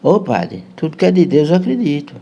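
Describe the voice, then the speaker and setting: A worried, exasperated Brazilian mother pleads in a raised pitch, as a man puts her on. A gravelly, husky grain runs under her voice. Her speech is plain country talk. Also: huge pitch swings, brisk, dark tone, dull audio, heavily acted. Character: worried simple mother, middle-aged woman.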